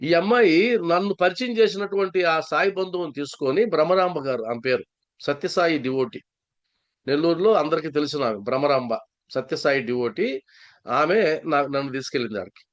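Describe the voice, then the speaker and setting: A man's voice: fairly high pitch, animated, normal speed, muffled recording. A man from Andhra Pradesh, a spiritual speaker and psychologist, telling a story in a satsang talk and repeating key phrases for stress.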